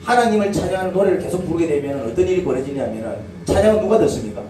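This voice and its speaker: Korean pastor preaching in an echoey church. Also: male voice, high voice, lively intonation, very fast, music in the background. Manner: asks the congregation questions and draws call-and-response replies. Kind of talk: sermon. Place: church sanctuary. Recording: echoey church hall, distant mic, background noise.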